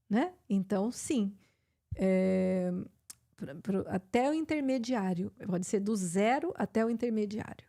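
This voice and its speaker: Hosting a live chat, this middle-aged English teacher speaks with a Brazilian Portuguese accent and fills her explanations with fillers and restarts. Her voice is medium-pitched and mellow.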